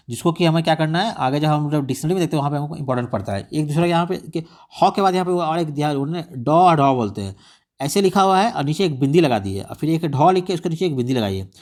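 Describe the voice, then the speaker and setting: A man explaining exam material at a brisk, rapid clip. His voice sits a little higher than most men's. He keeps throwing in rhetorical questions and English terms. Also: darkish tone. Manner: repetitive rhetorical questions, mixes English words. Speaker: exam tutor.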